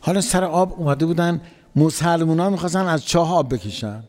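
A man's voice: fairly high pitch, a little mellow. Preacher man in a reverberant hall. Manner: conversational, repeats phrases for emphasis. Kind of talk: sermon storytelling.

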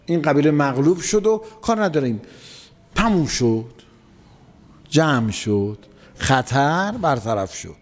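A man's voice: fairly high pitch, expressive, long pauses. A man preaching a sermon, telling a story in a conversational way and repeating phrases for emphasis. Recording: long hall reverb.

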